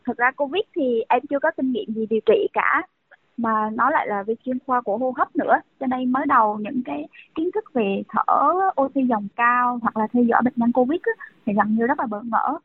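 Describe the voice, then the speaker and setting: A woman's voice: a little high, fairly quick, no room sound. A young woman doctor in her thirties, speaking by phone in an earnest, conversational way with frequent fillers. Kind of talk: phone interview. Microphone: telephone. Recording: tinny dry phone line.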